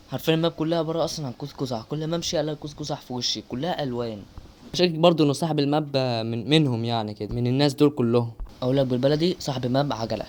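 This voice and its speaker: A man's voice: a little high, darkish tone. A young man with an Egyptian Arabic accent giving live gameplay commentary, exclaiming and joking to his viewers. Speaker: gaming YouTuber.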